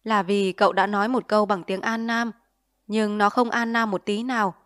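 A woman voicing a stern, earnest middle-aged father who lectures his son in grave, measured tones in an audiobook story. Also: medium pitch, flat delivery, fairly bright tone, lightly acted. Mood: earnest lecturing.

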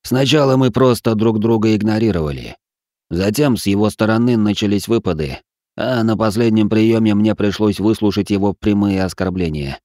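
A man's voice: lowish voice, moderate pace, dark tone, dry recording, studio quality, lightly acted. A man voicing a tense, grim nobleman who talks through clenched teeth, in an audiobook reading.

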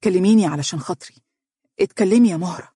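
Gentle, pleading young man with an Egyptian accent, coaxing and insistent, as the narrator voices him, husky audiobook reading. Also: mid-range voice, racing, no echo, studio quality, lightly acted. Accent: Egyptian Arabic.

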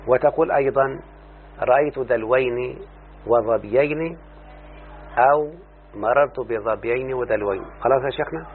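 Egyptian man teaching over a tinny line. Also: medium pitch. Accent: Egyptian Arabic. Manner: slow, deliberate, quizzing the student. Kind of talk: Arabic grammar lesson. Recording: tinny phone-like, faint hum.

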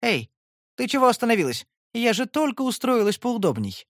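A man's voice: very high voice, very animated, moderate pace, no room sound, studio quality, pitched above the performer's own voice, exaggerated voice. A man voicing a mocking, sarcastic female inner voice that teases and gloats. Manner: teasing, sarcastic.

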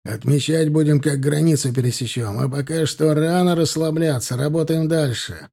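Man doing a hearty army captain, loud and rough, pitched high above the narrator's own voice, mellow tone. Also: normal speed. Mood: commanding.

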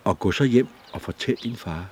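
A man's voice: fairly low pitch, a little mellow, a little hiss or hum, voice pushed up, close to an everyday voice. A man voicing a fervent blind old beggar. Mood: warm. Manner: fervent, pleading. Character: blind old male beggar, eager and devout.

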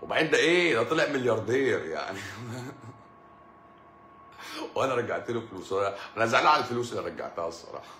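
A man's voice: medium pitch, lively intonation, very fast, bright, forceful tone, roomy sound, a little hiss or hum. A middle-aged man with an Egyptian Arabic accent, a doctor chatting casually with live-stream viewers, telling jokey stories and laughing often. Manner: joking storyteller, laughs often.

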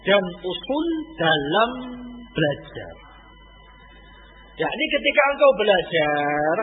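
A man teaching an Islamic study lecture in a lively, conversational way, firing off rhetorical questions. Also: sits high. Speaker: religious teacher. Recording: echoey hall over a tinny lo-fi line.

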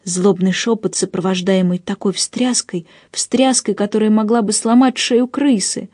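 A woman narrating an audiobook in the first person, with an expressive storytelling delivery on a close mic. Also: mid-range voice, moderate pace, dry recording.

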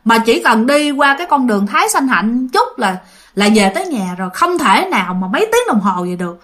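This chatty storyteller from southern Vietnam speaks to her listeners directly as she casually narrates a ghost story. Her voice is a little high, fairly bright, very animated, and brisk.

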